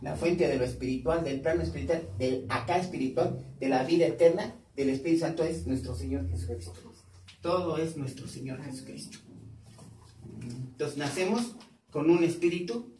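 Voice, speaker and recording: Male pastor, teaching sermon, quizzes his flock; slightly high pitch, recorded far off in an echoey church. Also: normal speed, dark tone, a little hiss or hum. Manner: quizzes the congregation with questions, repeating key words. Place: church hall.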